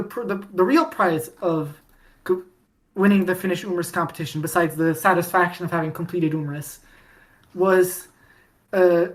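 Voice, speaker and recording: A fan podcast co-host retells fandom history in a lowish, fairly bright voice. Her talk is casual and rambling, full of restarts and fillers, and she laughs often.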